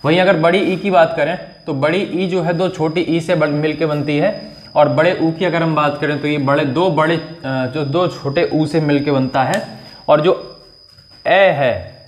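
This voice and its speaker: Man, teacher, slightly high voice, explanatory, checks in often, stretches vowels to demonstrate. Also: fairly even intonation, unhurried. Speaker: Hindi teacher. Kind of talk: exam-prep grammar lesson.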